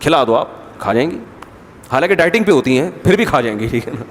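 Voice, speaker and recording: A man with a fairly high voice delivers a conversational religious lecture. He is wry and often acts out bickering relatives in their own tones. His voice rings out with the long reverb of a large hall. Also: expressive, slight background noise. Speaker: Islamic scholar giving a talk.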